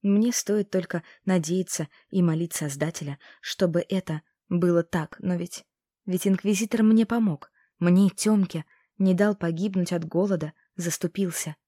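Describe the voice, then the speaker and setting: A woman narrating a first-person audiobook in a soft, emotional, often hushed voice. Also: fairly low pitch, moderate pace, no room sound, studio quality.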